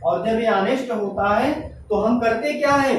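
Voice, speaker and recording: A man's voice: extremely high pitch, moderate pace. A man teaching an English grammar lesson, explaining step by step and asking himself questions, then answering them. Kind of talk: classroom-style grammar lesson. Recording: echoey room, voice from a distance, faint noise.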